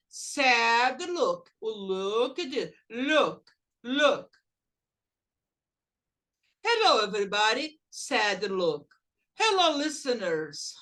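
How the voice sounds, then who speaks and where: Over a video call, a woman with a high-pitched, fairly bright voice teaches an online English class. She explains things slowly, mixing English phrases into her speech.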